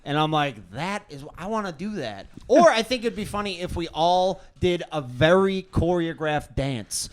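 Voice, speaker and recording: High, lively young man joking around. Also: normal speed, few pauses. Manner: laughing, jokey, fumbling Mandarin phrases. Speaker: podcast co-host. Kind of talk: casual comedy podcast banter.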